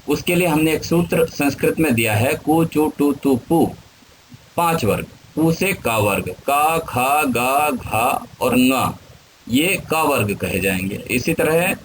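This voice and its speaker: Guy teaching grammar, real slow, sounds each syllable out, voice goes up and down a lot, bit of hiss behind. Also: on the high side, rough recording. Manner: slow, deliberate, spells out syllables one by one. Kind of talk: lecture.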